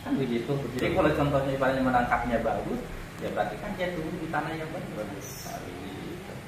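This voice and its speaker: A man's voice: mid-range voice, animated, quick pace, background noise. A man, a pastor, chatting casually in a folksy way and explaining with parables. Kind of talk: casual conversation. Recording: echoey, distant mic, loud crowd.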